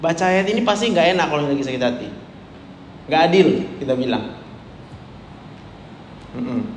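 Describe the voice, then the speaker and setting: A man preaching a chatty sermon, teasing the congregation and swinging from hushed to loud. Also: fairly high pitch, animated, normal speed. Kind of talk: conversational sermon. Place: church hall. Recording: echoey hall with faint room noise.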